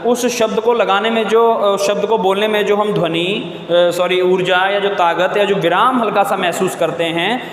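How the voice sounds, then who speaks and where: A man's voice: high-pitched, fairly even intonation, moderate pace, few pauses, roomy sound, long reverb tail, a little hiss or hum. A male teacher giving a classroom-style lesson. He patiently repeats key terms, stretches words out for his pupils and fondly calls his viewers children. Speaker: English grammar teacher.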